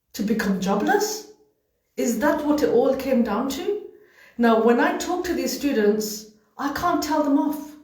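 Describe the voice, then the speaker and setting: A woman's voice: high voice, a little mellow. A British-born woman working as a study-abroad agent, speaking earnestly and emotionally to students on a livestream, often repeating phrases for emphasis. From United Kingdom. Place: home room. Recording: echoey room, voice far from mic.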